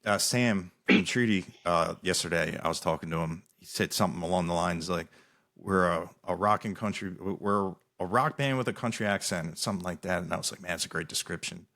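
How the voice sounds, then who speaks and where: Podcast host, young adult man, slightly low voice, loose storytelling with frequent restarts. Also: fairly quick, fairly bright tone. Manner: rambling storyteller, many restarts, laughs often. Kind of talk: casual chat.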